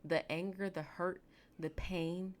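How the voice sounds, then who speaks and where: A woman in her late twenties, a therapist hosting her podcast, reflecting slowly and emotionally with halting restarts. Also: on the low side, flat delivery. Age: late 20s. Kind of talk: reflective solo podcast talk.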